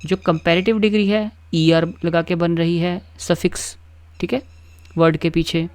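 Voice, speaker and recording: Teacher, patient and explanatory, recites word lists, mid pitch, dry close recording. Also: fairly even intonation, measured pace, darkish tone, clear, resonant tone, no echo. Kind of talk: grammar lesson.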